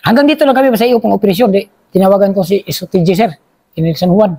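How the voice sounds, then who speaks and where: High-voiced man telling war stories. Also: lively intonation, quick pace, a little mellow, dry recording. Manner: addresses the listener as sir after nearly every phrase; acts out quoted dialogue in his telling. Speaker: former soldier telling a war story. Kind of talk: spoken war story told to an interviewer.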